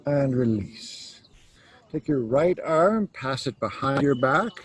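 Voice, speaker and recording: A man leading a yoga class, calmly cueing each stretch step by step. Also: medium pitch. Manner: slow, calm cueing of stretches. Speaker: yoga teacher. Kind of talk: guided yoga instruction.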